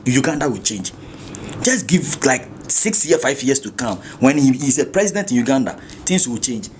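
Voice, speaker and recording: A man, a guest in an interview, talking in fast bursts and often repeating words and restarting. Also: medium pitch, big pitch swings, slight background noise. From Ghana. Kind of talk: casual interview talk.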